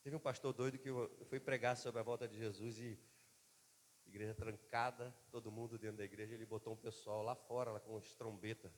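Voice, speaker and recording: A man's voice: lowish voice, little pitch movement, brisk. Male pastor, fervent sermon with big dynamic swings, long hall reverb. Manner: impassioned preaching, swinging between loud and soft. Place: church.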